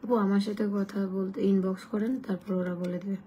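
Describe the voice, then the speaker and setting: A hoarse woman talks straight to her live viewers in a chatty way, moving between chat and sales talk. Her voice is mellow and dark. A faint noise runs behind her. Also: little pitch movement, normal speed. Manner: chatty, addresses viewers directly, switches to sales pitch. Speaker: online shop seller on live stream.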